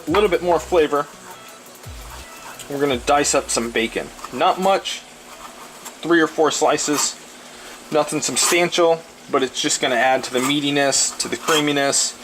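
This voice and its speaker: Casting: male cooking host, middle-pitched voice, blunt and foul-mouthed casual chat, recorded amid clear kitchen noise. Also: a bit bright. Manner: crude, profane, blunt. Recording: clearly noisy, frying and stirring sounds. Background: sizzling pan, stirring, clicks.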